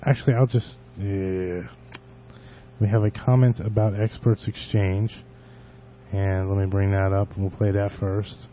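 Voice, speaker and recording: A man hosting a show with casual, unscripted talk in a halting, rambling manner. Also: on the low side, flat delivery, a little hiss or hum. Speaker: podcast host. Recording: dull lo-fi internet radio audio.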